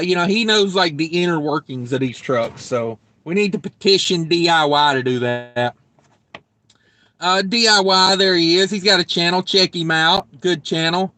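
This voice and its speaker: A man's voice: high voice, sharp tone, dry recording. A man hosting a casual trucker livestream, rambling and joking as he reads viewer comments aloud. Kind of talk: casual live-stream chat.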